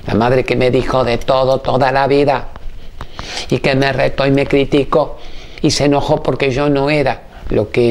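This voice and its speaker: Middle-aged man, Argentine accent, TV host, motivational talk, gravelly voice, quick bursts then slow emphatic lines. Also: mid-range voice. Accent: Argentine Spanish. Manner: storytelling, fast bursts and slow emphatic phrases. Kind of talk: motivational talk to a studio audience.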